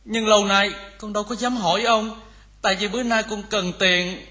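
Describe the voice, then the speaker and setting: An actor playing a poor, kind young farmhand who speaks timidly and politely. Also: male voice, high-pitched, fairly even intonation, moderate pace, pushed and bright.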